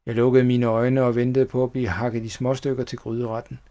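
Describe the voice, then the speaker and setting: A man reading a children's horror story aloud as a steady first-person narrator. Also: mid-range voice.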